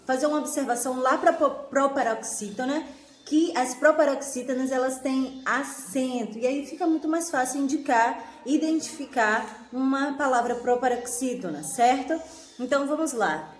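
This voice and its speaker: A woman teacher reviews a grammar lesson for her class. She speaks in a clear, didactic way and says each example word slowly and with stress. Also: high voice, reverberant.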